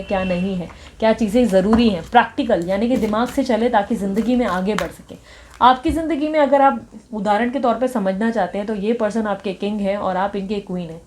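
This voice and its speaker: Giving a tarot reading directly to the viewer, a woman with a medium-pitched, slightly mellow voice slips English words and phrases into her speech and regularly checks in with her listener.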